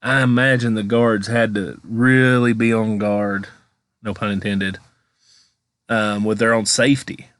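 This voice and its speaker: Low-voiced American man, casual rambling commentary. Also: little pitch movement, unhurried, fairly bright tone, no room sound. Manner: chatty, rambling, informal. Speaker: urban exploration vlogger narrating footage.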